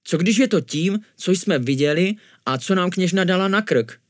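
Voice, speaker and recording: A man's voice: high voice, animated, dry recording, studio quality, voice pushed up. A man voicing a squeamish, sulky young ghost in a storybook reading, with a whiny raised voice. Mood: worried.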